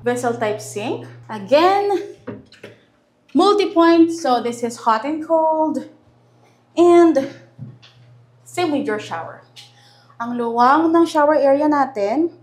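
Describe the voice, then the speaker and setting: A woman's voice: high-pitched, animated, slow pace, long pauses. Chatty Filipino woman giving a house tour. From Philippines. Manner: chatty and enthusiastic, mixing Tagalog and English. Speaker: real estate house tour host. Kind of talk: casual house tour walkthrough. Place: indoors in a furnished house.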